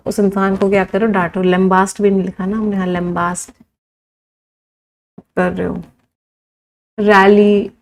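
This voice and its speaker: A woman teacher runs an exam-prep vocabulary lesson, reading out long lists of words. She drags each word out so the class can note it down, counting aloud and picking up students' answers as they come in. Her voice sits at a middle pitch for a woman. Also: poor audio. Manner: lists words slowly, drawing out each one for writing.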